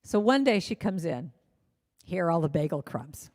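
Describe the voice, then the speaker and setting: A woman's voice: lowish voice, very animated, normal speed, darkish tone. A woman minister telling stories in a conversational sermon, peppered with "you know" fillers. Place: church livestream. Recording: echoey hall with faint music.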